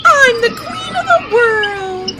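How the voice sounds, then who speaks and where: A performer voicing an excitable, bossy, childish female sidekick in a comedy audio drama, squealing and demanding. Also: extremely high pitch, takes it slowly, a loud crowd, heavy background noise, heavily acted. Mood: gleeful, demanding.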